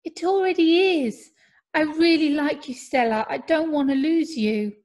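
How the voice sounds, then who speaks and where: A woman voicing a young male footballer in an audiobook, earnest and reassuring, a little louder than her narration. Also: sits high, a little slow, pitched above the performer's own voice.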